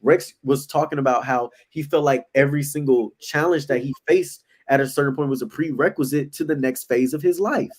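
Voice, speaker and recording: A man co-hosting a casual relationship talk show, speaking in a relaxed, conversational and encouraging way. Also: medium pitch, brisk, few pauses. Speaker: podcast co-host.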